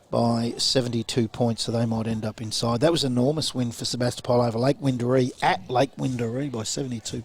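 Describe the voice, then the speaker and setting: An Australian man giving post-match football commentary, brisk and chatty as he runs through results and numbers. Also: mid-range voice, slightly rough.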